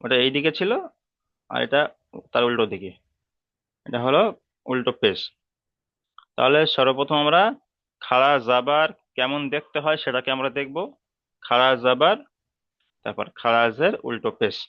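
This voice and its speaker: Man with Bengali accent, patient teacher, smooth clear voice, dry muffled recording. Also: mid-range voice, dry recording. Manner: patient, repeats each term and spells sounds out slowly. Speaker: Quran reading teacher. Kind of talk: slow step-by-step lesson.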